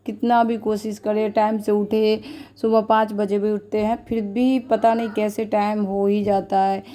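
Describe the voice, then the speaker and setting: Chatty woman vlogger, flat voice. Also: medium pitch, measured pace. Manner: chatty, repetitive, heartfelt. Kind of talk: casual vlog narration.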